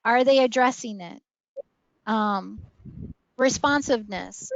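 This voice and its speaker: In an online training session, a woman who trains early learning teachers explains things to preschool staff using friendly classroom examples. Her voice is fairly high and she speaks slowly with some vocal fry. The audio is dull, dry, and lo-fi.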